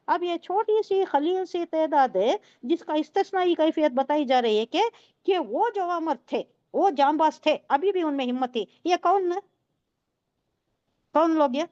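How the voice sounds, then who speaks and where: High-voiced woman teaching Quran tafseer. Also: animated, warm tone, no echo, dull audio. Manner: explains Arabic word by word, quizzes listeners.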